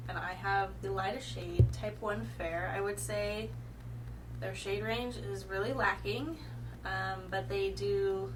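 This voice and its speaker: A beauty vlogger with a cold and a slightly congested voice chats casually through a makeup review to camera, rambling and correcting herself as she goes. Her mid-range voice is recorded from a distance against a noisy background.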